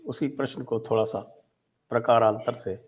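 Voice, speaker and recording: A man asking formal interview questions in a measured way. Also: mid-range voice, fairly even intonation, breathy edge.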